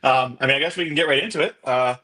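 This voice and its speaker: A man's voice: fairly high pitch, very fast, sharp tone. Man explaining with many fillers. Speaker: medical analyst. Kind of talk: casual podcast sports chat.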